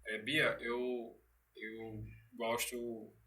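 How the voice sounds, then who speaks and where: A man's voice: mid-range voice, little pitch movement, very slow, pushed and bright. A man being interviewed as a guest actor, telling stories animatedly in casual chat with frequent restarts. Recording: distant from the mic.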